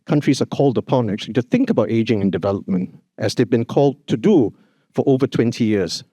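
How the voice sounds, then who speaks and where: Here a man from Singapore opens a conference in a hotel hall, talking fast, expressively, earnestly and emphatically, with many a "you know" and "actually." The medium-pitched voice is warm and husky, captured without echo.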